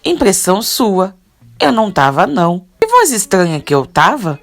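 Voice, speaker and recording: Calm helpful young man, read by a woman. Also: mid-range voice, moderate pace. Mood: reassuring.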